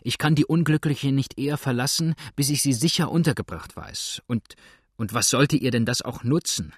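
A man's voice: medium pitch, normal speed, breathy edge, no room sound, clean studio sound, lightly acted. A man voicing an earnest young boatsman who pleads urgently and desperately. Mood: pleading.

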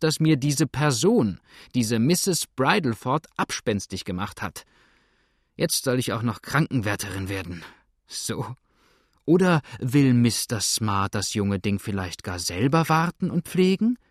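A man's voice: medium pitch, big pitch swings, unhurried, no room sound, clean studio sound. A man voicing a harried landlady who scolds in an indignant, complaining tirade.

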